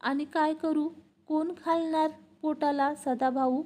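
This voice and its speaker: A woman's voice: high-pitched, steady tone, slow, mellow. A woman voicing a weary, grieving female tamasha dancer who pleads in rural village speech. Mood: bitter.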